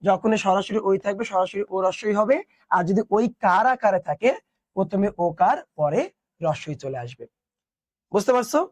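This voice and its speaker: High-voiced male tutor. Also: normal speed, no echo. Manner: explains step by step, asks students questions. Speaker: teacher. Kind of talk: online class lecture.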